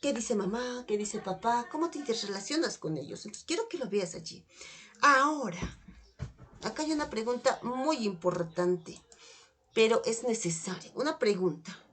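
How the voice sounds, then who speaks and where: A woman's voice: fairly high pitch, expressive, moderate pace, darkish tone. A woman leading a live online holistic therapy workshop, guiding participants with repeated questions and prompts to write in the chat. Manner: coaxing, repetitive prompting with direct questions.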